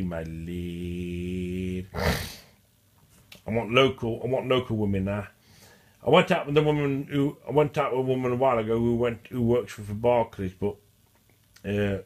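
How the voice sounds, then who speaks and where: Low-ish and steady, this male vlogger's voice moves at a moderate pace as he stutters his way through a rambling talk to camera. Repetition runs through it, with phrases restarted and repeated.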